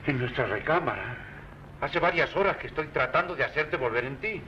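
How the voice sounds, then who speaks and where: An actor playing a returned husband, earnest, tender and pleading in 1940s film style. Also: male voice, medium pitch, expressive, a little fast, background noise, natural voice. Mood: tender, worried. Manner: earnest, imploring. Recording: dull 1940s film soundtrack with music.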